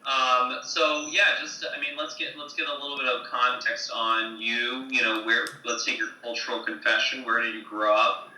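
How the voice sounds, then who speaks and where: Bright-voiced male podcast host, roomy sound. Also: mid-range voice, flat delivery, normal speed. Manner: hesitant, many fillers and restarts. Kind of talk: casual interview hosting.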